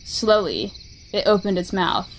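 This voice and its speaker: A woman narrating a scary story in steady, measured storytelling. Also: medium pitch, slight background noise, rough recording.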